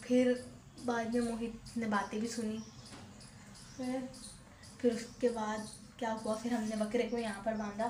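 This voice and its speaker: A young woman, talking quietly at home as she rambles through a story for her vlog, often repeating herself. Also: on the high side. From Pakistan. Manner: speaking softly, hushed so as not to wake the household. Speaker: vlogger. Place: at home, indoors. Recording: echoey room, faint background noise.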